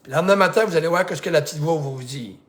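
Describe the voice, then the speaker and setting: A middle-aged life coach with a Québécois French accent gives a casual, rambling motivational talk, repeating himself and acting out bits of dialogue. His voice is fairly high in pitch, and he speaks very fast.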